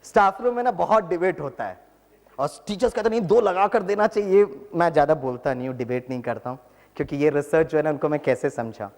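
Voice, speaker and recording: A man from Tamil Nadu, a professor, giving a motivational talk to an audience, telling stories in a lively way and acting out the dialogue, switching between Hindi and English. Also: fairly high pitch, fast. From Tamil Nadu, India. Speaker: spiritual talk speaker, engineering professor. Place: large hall before an audience. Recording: long hall reverb.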